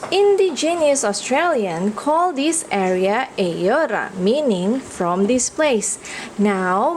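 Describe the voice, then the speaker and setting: A children's storyteller with an Indonesian accent reads a picture book aloud expressively, drawing young listeners in with questions and exclamations. Her voice is high with a darkish tone. The low-quality recording has a little hiss or hum.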